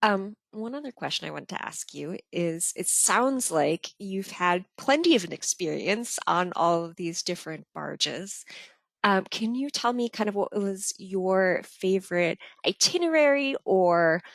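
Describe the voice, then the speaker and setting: A woman's voice: lowish voice, lively intonation, measured pace, gravelly, dry recording. A woman hosting a webinar interview, asking questions in a friendly way. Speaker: webinar host.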